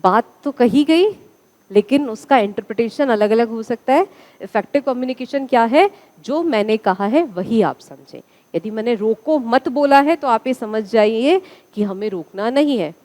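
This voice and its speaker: Lively woman lecturing a class. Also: fairly high pitch. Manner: asks the class questions and answers them herself. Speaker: teacher.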